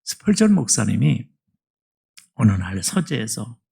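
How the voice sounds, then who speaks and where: A middle-aged man preaching a sermon as pastor in a church, emphatic, swinging between hushed asides and loud appeals. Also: mid-range voice, big pitch swings, unhurried, creaky, slightly rough. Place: church sanctuary.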